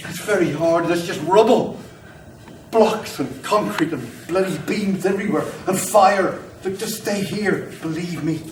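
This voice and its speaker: A man's voice: high voice, unhurried. A man playing a fireman who coaxes and reassures trapped survivors in an amateur audio drama, often repeating himself. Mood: urgent, coaxing. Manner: soothing and urgent, repeats his coaxing. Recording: roomy, distant mic, ambient noise.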